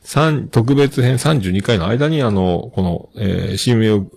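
A man's voice: lowish voice, expressive, a little slow, gravelly, a little mellow, breathy edge, no room sound. A middle-aged man hosting a podcast, chatting casually and rambling with many fillers as he reads listener mail. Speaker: podcast host.

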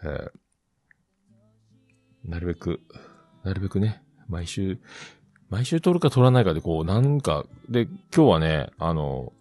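A man with a hosts a casual solo podcast, rambling through a story and acting out the other people in it. His voice sits low, but it swoops around a lot. The recording is dry and close, with faint music underneath. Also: sing-song, moderate pace, warm tone, no echo. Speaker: podcast host.

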